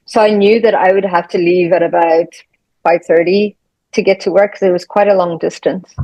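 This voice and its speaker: A woman's voice: lowish voice, fairly even intonation, moderate pace, warm tone, no echo. A young adult woman, a podcast host telling a personal story in casual conversation. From South Africa. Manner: storytelling, reflective. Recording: dull, dry sound.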